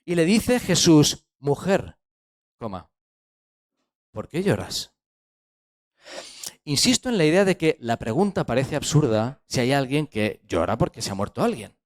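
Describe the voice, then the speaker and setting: A man's voice: a little high, animated, moderate pace, few pauses. A man with a Spanish accent from Spain, preaching a sermon as pastor, voicing quoted people and asking rhetorical questions. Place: church hall.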